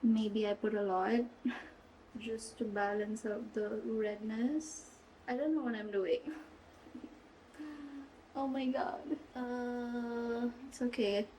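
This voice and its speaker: A woman's voice: fairly high pitch, steady tone, slow pace, warm tone, recorded from a distance, poor audio. Young woman, casual makeup chatter, fake british lilt, a bit off-mic, faint rain and traffic behind. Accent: playful fake British accent mixed into her own. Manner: chatty, rambling, giggly. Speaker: beauty vlogger. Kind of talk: casual get-ready-with-me makeup chat. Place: home room with rain and traffic outside.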